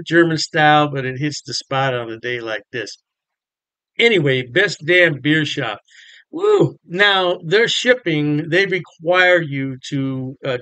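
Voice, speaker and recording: Chatty older man, clear dry voice. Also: on the high side, a bit bright, dry recording, low-quality recording. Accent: American. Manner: chatty, folksy, enthusiastic. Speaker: beer vlogger. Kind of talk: casual talk to camera. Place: home bar room with framed beer signs.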